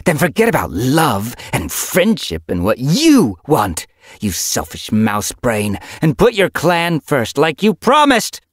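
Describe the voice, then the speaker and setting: A man's voice: medium pitch, big pitch swings, moderate pace, dry recording, clean studio sound, pitched above the performer's own voice, natural voice. A man voicing a vicious female ghost cat from an audiobook, harsh and contemptuous as she bullies a young warrior. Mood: scolding, furious.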